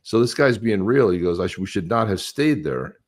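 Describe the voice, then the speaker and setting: A man's voice: lowish voice, lively intonation, a little fast. A man hosting a podcast, chatting casually and bluntly as he reacts to clips, crude and rambling. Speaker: podcast host.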